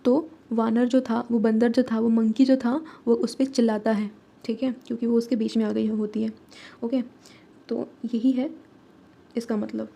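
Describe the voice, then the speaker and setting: A woman's voice: fairly high pitch, little pitch movement, creaky, warm tone. A woman with an Indian accent who teaches a lesson, mixing Hindi and English, repeating herself and asking rhetorical questions. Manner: explains slowly and repeats, asks rhetorical questions. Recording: dull lo-fi recording.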